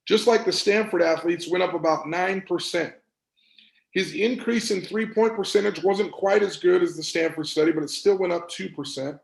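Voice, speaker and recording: Emphatic male performance coach, gravelly, somewhat high voice, echoey room. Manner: energetic, emphatic, repeats words for stress. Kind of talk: motivational presentation.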